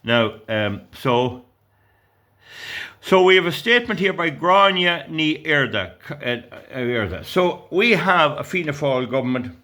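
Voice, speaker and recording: Reading news stories and ranting about them, this indignant Irish commentator in his sixties rambles and trips over his words. His voice is on the high side, bright and forceful, with lively intonation and a slightly slow delivery.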